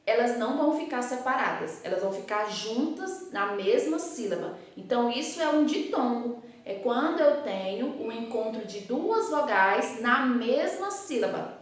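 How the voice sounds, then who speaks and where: A woman teaching a class from the whiteboard, her fairly high voice patient and explanatory. She keeps asking questions and checking that pupils follow. The room rings with heavy echo, and she sounds some distance from the mic. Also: expressive, normal speed. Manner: explanatory, asks rhetorical questions with frequent tag "né".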